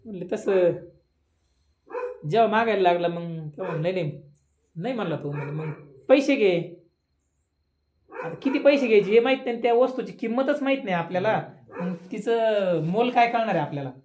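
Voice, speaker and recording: Village preacher telling a parable. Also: male voice, high-pitched, animated, brisk, a little mellow, slight background noise. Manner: conversational, rising into emphatic questions. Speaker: kirtan preacher. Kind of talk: devotional sermon with storytelling.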